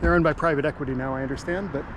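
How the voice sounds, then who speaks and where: A man's voice: fairly high pitch, steady tone, very fast. A man chatting casually and rambling in a laid-back way while out on a run, vlogging as he goes. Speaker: running vlogger. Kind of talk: casual rambling vlog chat. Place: outdoors on a run, near a car. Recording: outdoor recording with car and ambient noise.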